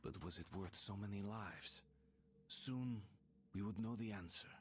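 An actor playing a somber young soldier, narrating grim memories slowly and reflectively in a video game. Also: male voice, on the low side, very noisy, close to an everyday voice. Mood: somber, brooding. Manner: slow, reflective, subdued. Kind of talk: brooding scripted game narration.

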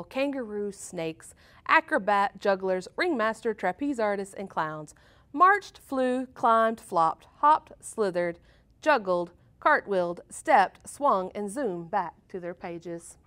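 A woman reading a picture book aloud to children as a storyteller, animated and full of playful sound effects. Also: mid-range voice, slow.

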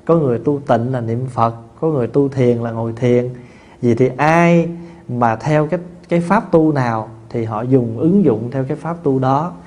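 A man, a Buddhist monk teacher giving a dharma talk in a folksy, conversational way, with many fillers and restarts and lively anecdotes. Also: mid-range voice, moderate pace. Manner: tells lively anecdotes with laughter. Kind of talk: dharma talk answering questions.

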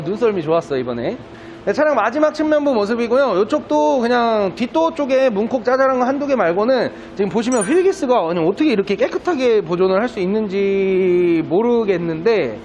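High-voiced male used car salesman pitching. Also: darkish tone. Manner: salesman's polite, persuasive pitch. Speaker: used car dealer presenting a car. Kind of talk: car sales walkaround, spoken to camera. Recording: dull lo-fi sound, faint background noise.

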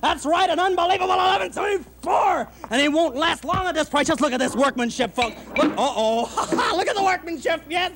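A young man playing a fast-talking TV furniture pitchman in a comedy sketch, hard-selling, flustered and bursting into shouts, on a handheld mic in a TV studio. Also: animated, slight background noise. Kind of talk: parody local TV furniture commercial. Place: TV studio set. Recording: 1960s TV broadcast.

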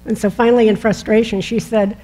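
A woman's voice: fairly high pitch, little pitch movement, brisk, mellow, poor audio. Chatty woman giving church announcements. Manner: friendly, chatty with light laughs and fillers. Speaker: lay leader giving announcements. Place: chapel sanctuary.

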